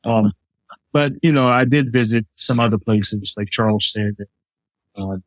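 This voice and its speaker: A middle-aged Liberian chef speaks unhurriedly in a low-leaning voice, with no room sound around him. As an interview guest in casual conversation, he's easygoing and talks through his food with many examples and fillers.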